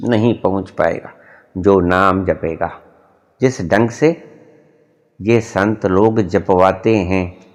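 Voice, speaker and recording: A middle-aged man giving a spiritual discourse, deliberate and emphatic, his voice rising and dropping sharply to make a point. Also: sits low. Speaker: spiritual teacher.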